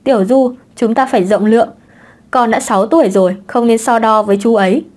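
A woman voicing a calm, composed young father in an audiobook. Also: fairly high pitch, a little fast, close to an everyday voice.

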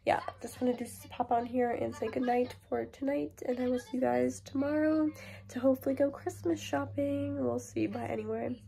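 Speaking to her phone camera at arm's length in a bedroom and car, a young woman rambles chattily in a casual vlog. Her high-pitched voice is creaky and dark-toned from a cold, fairly even in intonation and at normal speed.

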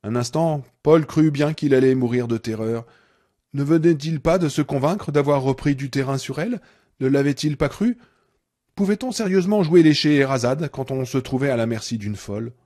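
Mellow-voiced male audiobook narrator. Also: mid-range voice, lively intonation. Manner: measured, dramatic, darkening on tense passages.

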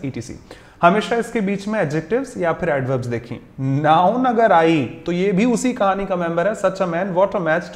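Male grammar teacher, mixes Hindi with slow examples, raised pitch, roomy echo. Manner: explains slowly, drawing out English example phrases. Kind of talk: recorded grammar lesson. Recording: echoey room.

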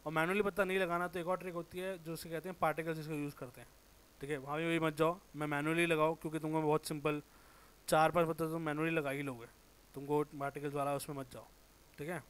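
A man with a sore throat giving a casual, informal software tutorial, thinking aloud, correcting himself and muttering as he works. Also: on the high side, level tone, quick pace, clean tone. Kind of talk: casual screen-recorded tutorial.

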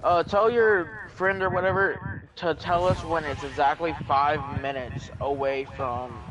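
A young man chatting with a teammate during an online game, making quick callouts with sudden excited bursts, on a headset. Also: fairly high pitch, a crowd in the background. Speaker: gamer streaming a match. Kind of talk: casual gaming chat with a teammate. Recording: noisy game audio behind.

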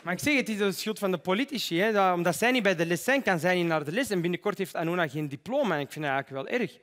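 A man with a Flemish accent performing a stand-up comedy routine, animated and mocking. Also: high voice, very fast, a faint crowd. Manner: animated, mocking, acts out voices.

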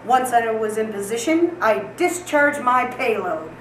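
A woman's voice: a little high, animated, a little slow. A woman playing an angry, militant gang leader, telling things in a combative mock-military manner. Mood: bragging, combative. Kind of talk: mock news interview. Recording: echoey, distant, slightly noisy room.

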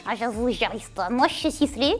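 A woman's voice: on the high side, lively intonation, brisk, loud music behind the voice, natural voice. A woman ventriloquist voicing a cheeky, boastful male puppet who is naive and tactless. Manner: naive, tactless, self-important. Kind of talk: ventriloquist act.

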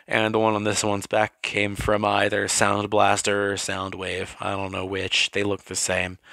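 A man's voice: fairly low pitch, no echo. Rambling man touring his toy shelves. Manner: rambling, self-correcting, excitable rants. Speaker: toy collector. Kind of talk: casual collection tour.

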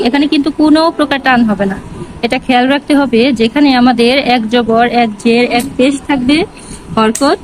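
Woman teacher going over letter sounds slowly, kinda high voice, street noise behind. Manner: slow, repeats each syllable drill. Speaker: Quran reading teacher. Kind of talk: step-by-step lesson.

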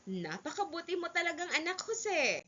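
A woman voicing a kind, caring mother in a read-aloud story for children, speaking gently, in a dull lo-fi recording. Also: extremely high pitch, sing-song, normal speed, pitched above the performer's own voice, full character voice. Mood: gentle. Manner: gentle, affectionate. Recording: dull lo-fi sound.

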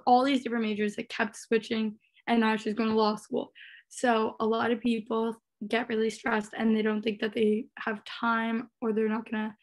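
A woman in her twenties, a recent graduate on a panel, telling a story in fast, chatty talk over a laptop microphone on a video call. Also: a little high. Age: 20s.

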